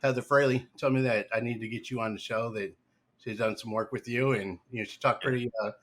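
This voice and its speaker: A man hosting a live podcast over a call, his voice bright and forward. He rambles a little, circling back with "um" and "you know" as he introduces his guest. His pitch sits in an ordinary middle range. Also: fairly even intonation, a little fast. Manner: rambling, many fillers and restarts. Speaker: podcast host. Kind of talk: casual live podcast interview.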